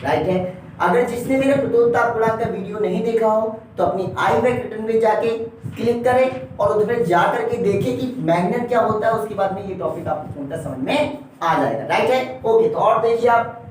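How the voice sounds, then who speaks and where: A man's voice: high-pitched, normal speed, far from the mic. A man teaches an exam-prep class, constantly tagging his points with a questioning "right?" and addressing his students fondly. His voice rings around a hard, very echoey room. The mic sits well away from him, with a faint hum underneath. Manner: keeps adding a questioning "right?" tag and calls the viewers dear children. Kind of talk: exam-prep lesson at a board.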